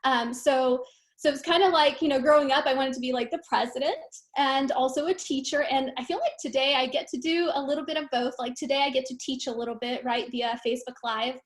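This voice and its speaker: A Romanian woman in her thirties with a high voice appears as a guest team leader on a live stream, heard over a video call. She speaks fairly quickly, telling her story in a candid, chatty way full of fillers.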